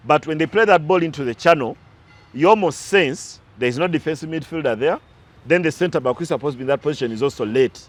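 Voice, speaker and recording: A man talking through recent football matches as a pundit, analytical and prone to side stories, with some restarts. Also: a little high. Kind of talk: casual sports talk.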